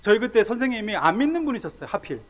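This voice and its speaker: A middle-aged man from South Korea preaching a sermon in a church, telling his own story in a lively way and acting out the scenes. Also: sits high, very fast. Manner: animated storytelling, acts out scenes, laughs at himself. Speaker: missionary preacher. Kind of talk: sermon with personal testimony. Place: church sanctuary. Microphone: church sound system mic.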